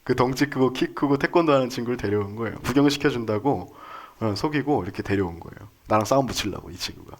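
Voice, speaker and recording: A man in his thirties preaching a sermon, telling a story in a relaxed, joking way and asking the congregation questions. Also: mid-range voice, quick pace. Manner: conversational, jokey, asks the congregation questions.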